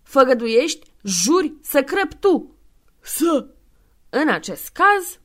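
A bossy, brusque male caretaker, voiced by a woman narrator in a read-aloud story. He speaks in a strong, forceful voice that is louder than her narration. His demands come out blunt and commanding. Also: high-pitched, sing-song, pitched above the performer's own voice.

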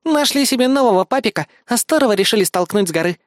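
A man's voice: high voice, lively intonation, fast, no echo, studio quality, voice pushed up. A man voicing a worldly, cynical young woman in an audiobook. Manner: cynical, matter-of-fact.

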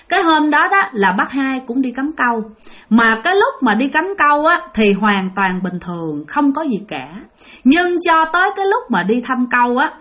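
A woman's voice: high voice, a bit bright. A woman narrating a ghost story in a conversational way, talking straight to her listeners. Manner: conversational, addresses listeners directly.

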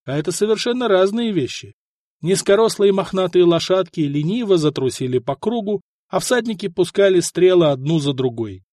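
Man, audiobook narrator, expressive, slightly high voice, lively intonation, dry close sound. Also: normal speed, no room sound. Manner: expressive storytelling. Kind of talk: scripted narration.

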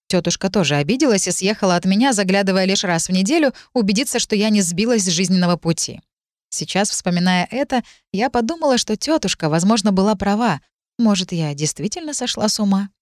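A woman reading a first-person story aloud as audiobook narrator, even and measured. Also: mid-range voice, no echo, clean studio sound.

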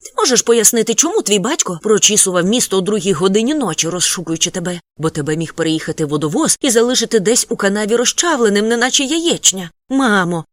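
A reader voicing a fiery mother in her late forties who scolds her son loudly and dramatically with rhetorical questions. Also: mid-range voice, big pitch swings, quick pace, hardly any pauses, no room sound. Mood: scolding. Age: 40s.

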